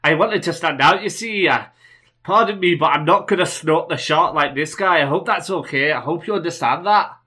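A man's voice: a little high, moderate pace, pushed and bright. A man voicing a nervous, eager young man with a Scottish accent, politely stammering through a tavern job interview. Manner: overly polite, fawning, stammering.

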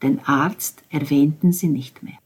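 Husky low-voiced woman reading a novel. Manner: measured, expressive reading, dropping to soft asides. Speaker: audiobook narrator.

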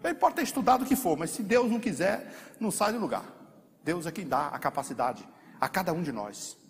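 High-voiced Brazilian preacher in a hall. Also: male voice, animated, fairly quick, vocal fry. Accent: Brazilian Portuguese. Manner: dramatic, acts out the congregation's prayers, swells to shouting. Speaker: pastor. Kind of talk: sermon. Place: church hall. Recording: faint hall reverb, light room noise.

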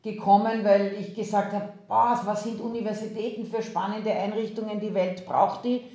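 Speaking on a video call from an echoey room, this university president from Austria has a medium-pitched, dark, steady voice and talks at a normal speed. Her Austrian-accented answers in the interview come out thoughtfully and haltingly, full of fillers.

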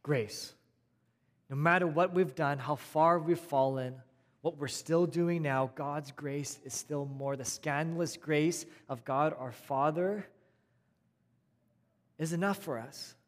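A man preaching a sermon in a conversational way, repeating phrases and swinging between raised emphasis and quiet, soft passages. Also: a little high, slow. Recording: long hall reverb.

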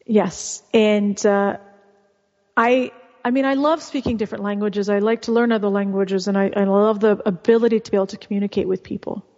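A woman author from California, whose first language is Russian, talks as a guest in a chatty, casual interview, often restarting her sentences as she explains things. Her mid-range voice is fairly even in intonation, fairly quick and a little mellow. The recording is muffled with long reverb.

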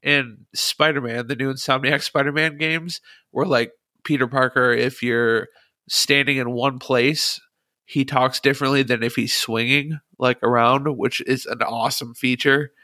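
A man's voice: medium pitch, fairly even intonation, unhurried, pushed and bright, dry recording, studio quality. Laughing, chatty man hosting a podcast. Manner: chatty, laughs often, frank. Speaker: podcast host. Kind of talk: casual gaming podcast chat.

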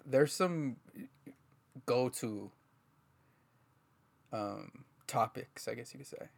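A man co-hosting a podcast in laid-back casual chat, often trailing off into quieter asides. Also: mid-range voice, slow pace, gravelly.

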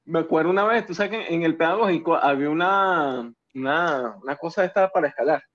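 Joking Venezuelan man, somewhat high voice. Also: brisk. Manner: animated, joking anecdotes. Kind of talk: casual chat among friends. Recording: muffled lo-fi sound.

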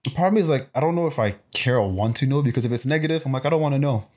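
Fast-talking, animated personal trainer guy. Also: mid-range voice. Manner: rapid and animated, full of fillers and acted-out quotes. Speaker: personal trainer, podcast guest. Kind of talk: casual podcast conversation.

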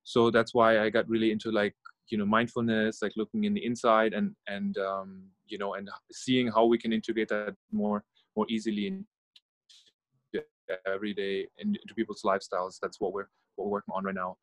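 A middle-aged man from Norway and Germany, a guest on an interview, thinking aloud in a relaxed way with many fillers and soft sighs. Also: fairly low pitch, brisk, no echo. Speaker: guest, startup founder and meditation guide. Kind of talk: casual interview conversation.

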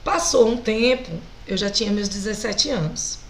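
A Brazilian woman singer with a Brazilian Portuguese accent, animated and laughing often as she tells stories as a guest in a casual interview. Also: medium pitch, moderate pace, a little hiss or hum, poor audio.

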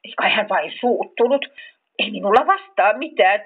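A woman's voice: mid-range voice, lively intonation, slightly rough. A woman voicing a flustered, fussy female marten who mutters to herself. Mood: muttering. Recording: tinny phone-like sound.

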